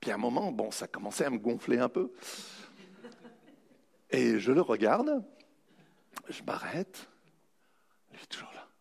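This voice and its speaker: A motivational speaker, raised bilingual in a French-German family, tells an anecdotal story to an audience with humor and dramatic pauses. His mid-range voice is sing-song and creaky, darkish in tone with a breathy edge.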